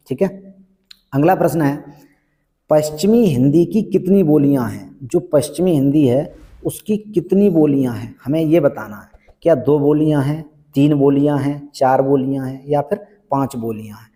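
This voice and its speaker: A man's voice: fairly high pitch, normal speed, mellow, long reverb tail. A male Hindi exam teacher working through practice questions one by one, repeating each question and answer for emphasis. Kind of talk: exam prep lesson, question by question.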